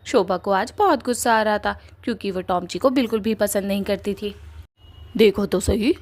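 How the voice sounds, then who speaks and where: A woman's voice: mid-range voice, normal speed, darkish tone, dry recording. A woman narrating a cartoon story in a plain, matter-of-fact way.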